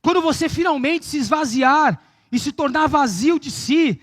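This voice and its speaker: A fervent male pastor with a Brazilian Portuguese accent and a very high-pitched voice, preaching with drawn-out, shouted lines. The recording is dry and close, with no room sound. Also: no echo. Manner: preaching fervently, stretching words and shouting for emphasis. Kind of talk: sermon.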